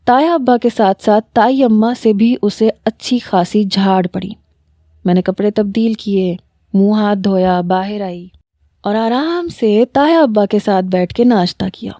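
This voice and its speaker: A woman narrating a romantic story in the first person with a steady, dramatic reading. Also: mid-range voice, dry recording, studio quality.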